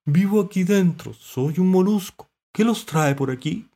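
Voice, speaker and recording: A tiny, wise old mollusk from a storybook speaks in a very high, slow and kindly voice. The voice is husky at the edges, and every word is drawn out with patient care. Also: male voice, lively intonation, mellow, full character voice. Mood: friendly.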